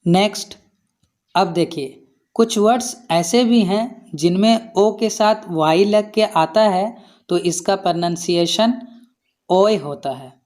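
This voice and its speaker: A man with an Indian accent teaching an English pronunciation lesson, slowly repeating example words one by one. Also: sits high, darkish tone.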